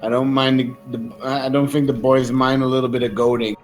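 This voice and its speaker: A man's voice: mid-range voice, little pitch movement, brisk, faint music behind, poor audio. A young man streaming a game and chatting casually with friends, joking, laughing and swearing freely. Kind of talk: casual chat while gaming.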